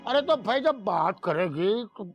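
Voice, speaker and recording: An actor playing a teasing, easygoing middle-aged husband, in a TV drama. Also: male voice, high-pitched, sing-song, a little slow, vocal fry, dull audio, soft background music, exaggerated voice. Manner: teasing, jokey. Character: joking middle-aged husband Badruddin, neighborhood fixer. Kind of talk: TV drama acting.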